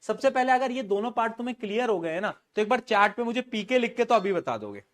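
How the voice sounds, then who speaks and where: A man's voice: high voice, sing-song, fast, a bit bright. Playful man teaching a live science class. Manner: playful, joking, quizzing students and answering himself.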